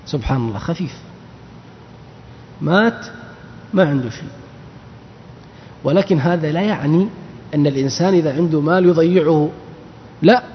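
A man's voice: fairly high pitch, normal speed, pauses often, slight background noise. A man giving a religious lesson on scripture, explaining patiently and quizzing his listeners. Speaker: teacher of Quran exegesis. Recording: dull recording with long reverb.

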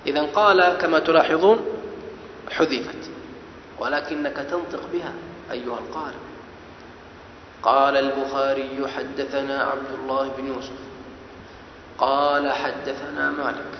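Male lecturer, classroom teaching, slightly high voice, step-by-step explanations with questions to the class, lo-fi hall recording. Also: slight background noise. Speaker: teacher of hadith studies. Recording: echoey hall, dull lo-fi sound.

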